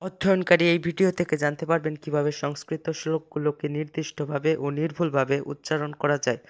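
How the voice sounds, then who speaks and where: A man teaching pronunciation in a measured, scripted narration, slowing down to model each word. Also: fairly high pitch, flat delivery.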